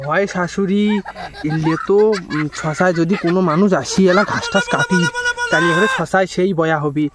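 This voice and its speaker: A man playing a sly young son-in-law in a Rajbanshi comedy sketch, talking with a Rajbanshi accent in an excited, defensive way. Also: sits high, moderate pace. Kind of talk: village comedy sketch acting. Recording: background music.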